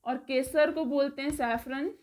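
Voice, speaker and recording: High-voiced woman teaching vocabulary. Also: steady tone, darkish tone. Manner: spells words letter by letter and repeats them slowly; says "theek hai" after nearly every item. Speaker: spoken English teacher. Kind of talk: casual Hindi vocabulary lesson.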